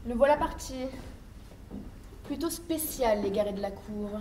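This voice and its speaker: Prickly hotel maid, bright high voice, huffy, echoey stage. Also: female voice, lively intonation, normal speed, background noise. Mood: tart. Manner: tart, indignant. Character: indignant young hotel maid, sharp-tongued. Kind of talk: stage play acting. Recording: echoey theater stage recording.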